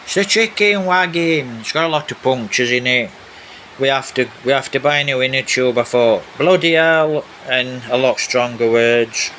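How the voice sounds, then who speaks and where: Guy doing casual vlog voiceover, rambles and repeats himself, mid pitch, bit of rain noise on the roof behind. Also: normal speed, sharp tone. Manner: rambling, repetitive. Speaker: vlogger. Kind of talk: casual narration over video footage.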